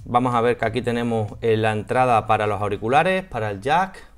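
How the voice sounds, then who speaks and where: A man in his thirties with a Spanish accent walks through unboxing and installing a product in a small home office, talking casually and a bit hesitantly. His mid-range voice is smooth and a little fast, with soft background music.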